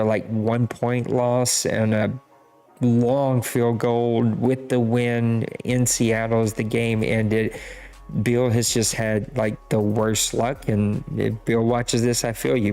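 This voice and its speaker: A podcast host from Louisiana whose first language is Cajun French speaks with a Cajun accent in a lowish, darkish voice. He casually recaps scores, rambling and poking fun at himself.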